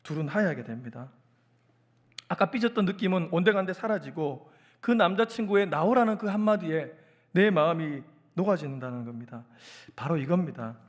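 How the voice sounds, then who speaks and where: A man preaching a sermon as a pastor, telling the story in an animated, engaging way. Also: on the high side, moderate pace.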